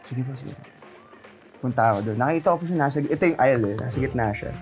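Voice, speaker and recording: A young adult man, an actor and interview guest, telling a personal story in an animated way, laughing often and acting out the voices in it. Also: mid-range voice, rapid-fire, soft background music.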